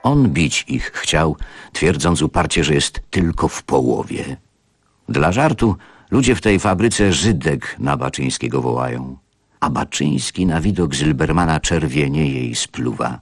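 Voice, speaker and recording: A man narrating a literary story on radio in a measured, expressive manner, over background music. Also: a bass voice, breathy edge, no room sound. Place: radio studio.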